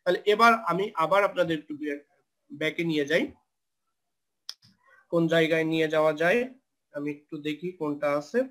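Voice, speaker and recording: A man's voice: fairly high pitch, brisk, pauses often, bright, forceful tone. A man teaching a live online English grammar class, explaining step by step, spelling out words and mixing English terms into his Bangla.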